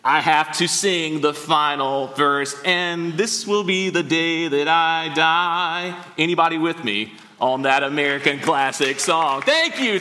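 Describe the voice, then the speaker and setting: Bright-voiced preacher in a reverberant church. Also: male voice, high voice. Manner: joking, conversational preaching with the crowd. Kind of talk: sermon. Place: church sanctuary. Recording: long hall reverb.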